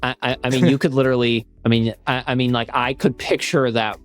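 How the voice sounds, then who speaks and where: A man hosting a podcast, talking in a rambling, halting way with many restarts and filler words. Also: mid-range voice, flat delivery, clear, resonant tone, faint music behind. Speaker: podcast host. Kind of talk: casual podcast chat.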